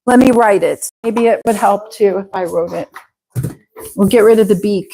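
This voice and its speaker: A woman with an Ohio accent teaching an English pronunciation class, slowly repeating words for her students to say after her. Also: mid-range voice, vocal fry, warm tone. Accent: Ohio American English. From Ohio, USA. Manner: slow, patient, repeats words for students to echo. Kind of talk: live online English pronunciation lesson.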